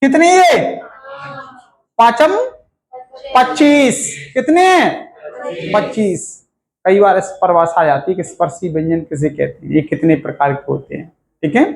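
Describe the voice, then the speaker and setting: A male Hindi teacher in a classroom, teaching in a lively question-and-answer style and drilling the students with repeated questions. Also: high-pitched, unhurried, vocal fry, long pauses, roomy sound, rough recording.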